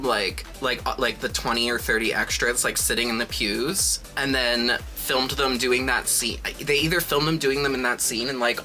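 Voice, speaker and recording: A man's voice: mid-range voice, sharp tone. A man with a sassy drag queen manner, giving casual, dramatic and emphatic reaction commentary.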